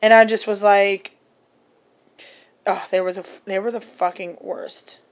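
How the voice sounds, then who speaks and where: A woman's voice: mid-range voice, steady tone, measured pace, clear, resonant tone. A woman hosting a podcast, telling stories in casual chat, swearing and laughing along the way. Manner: chatty storytelling with swearing and laughs. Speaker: podcast host.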